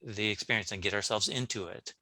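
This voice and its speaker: Bright-voiced man telling stories animatedly. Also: on the low side, brisk, no room sound. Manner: animated storyteller, many restarts. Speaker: podcast guest, brain coach. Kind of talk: casual interview conversation.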